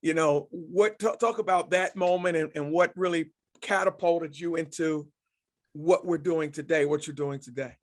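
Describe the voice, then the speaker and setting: Male podcast host, higher register, casual and affirming. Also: fairly even intonation, normal speed. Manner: affirming, backchannels with frequent "yeah". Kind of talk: casual interview chat.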